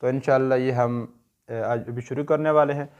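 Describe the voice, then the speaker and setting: A man's voice: mid-range voice, steady tone, moderate pace, a little mellow, clear, resonant tone, dull audio. A man with a Pakistani Urdu accent teaching a tajweed lesson, patiently asking questions and answering them himself. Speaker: Quran recitation teacher.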